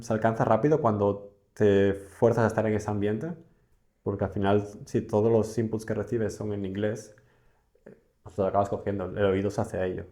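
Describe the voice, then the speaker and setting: A man's voice: on the low side, mellow. A young man from Spain, a podcast guest, talking casually and reflectively with frequent hesitations. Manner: reflective, hesitant with many fillers. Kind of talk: casual interview conversation.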